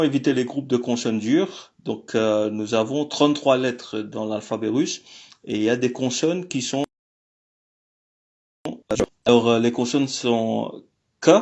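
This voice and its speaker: A man teaching a language lesson online, talking in a halting way with many fillers and restarts. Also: mid-range voice, muffled recording. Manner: apologetic about technical glitches.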